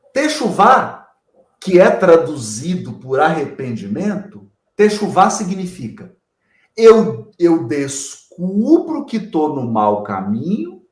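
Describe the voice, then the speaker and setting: Man, didactic guest talk, high pitched, roomy echo. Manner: animated explaining, addresses the host by name. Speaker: guest speaker.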